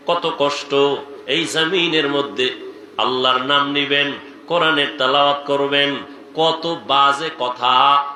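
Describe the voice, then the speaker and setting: Man, chanted sermon, slow drawn-out lines, bright edge, echoey ground. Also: medium pitch, a little hiss or hum. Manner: chanting melodic delivery, breaking into shouts. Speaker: preacher at a religious gathering. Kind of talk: sung and shouted sermon.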